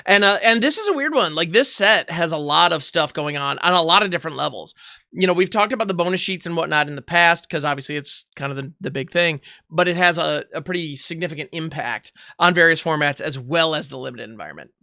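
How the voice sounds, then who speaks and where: A young man hosting a podcast in relaxed, chatty talk with fillers. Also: a little high, quick pace, gravelly, no echo, studio quality. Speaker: podcast host. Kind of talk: casual podcast chat.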